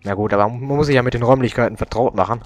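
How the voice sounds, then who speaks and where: A man's voice: medium pitch, rapid-fire, faint music behind. A young man doing casual gaming commentary, grumbling and swearing as he plays. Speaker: let's player.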